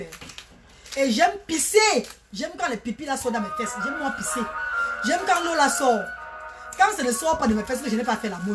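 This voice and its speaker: A woman, talking bluntly and repetitively in a casual live stream, often addressing listeners as "maman". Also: on the high side. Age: 30s.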